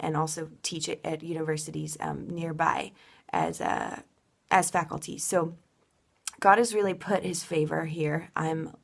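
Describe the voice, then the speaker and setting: A woman's voice: lowish voice, creaky. A woman dance teacher giving a heartfelt, casual personal update, earnest and full of ums.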